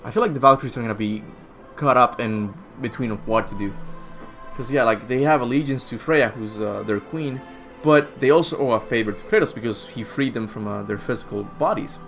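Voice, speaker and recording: He's a young Cuban gaming host with a mid-range, fairly bright voice, moving along at a fairly quick clip. In this casual livestream Q&A he answers viewers' questions, wandering off topic, running himself down, and laughing at his mistakes. Soft music can be heard underneath.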